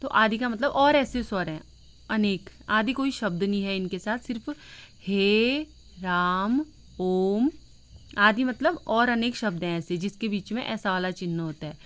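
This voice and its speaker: A woman teaching a grammar lesson in a patient classroom manner, repeating points, asking checking questions and drawing out vowel sounds slowly to show them. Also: medium pitch, a bit bright. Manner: draws out vowel sounds slowly when demonstrating.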